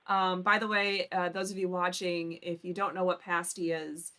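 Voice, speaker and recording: A woman's voice: on the low side, level tone, normal speed, sharp tone. A woman from Michigan's Upper Peninsula hosting a live call-in show, chatting informally and thinking aloud. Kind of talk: casual live-stream chat.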